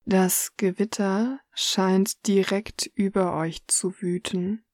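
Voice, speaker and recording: A woman reading a guided relaxation story in the second person, soft and hushed. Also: medium pitch, steady tone, slow pace, dry recording, clean studio sound.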